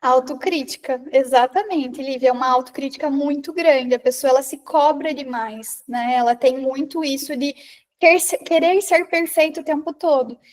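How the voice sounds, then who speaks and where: Her voice sits high and she keeps a moderate pace. A speaker from the interior of Paraná, Brazil, she talks conversationally about confidence and public presence to a women's group online, reading listeners' comments, speaking straight to them, and dropping in frequent rhetorical "né?".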